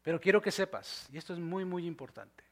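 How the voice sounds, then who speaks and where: A male pastor preaching a sermon, dropping to soft near-whispers and then rising to loud, emphatic lines. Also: sits high, lively intonation, a little fast. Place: church.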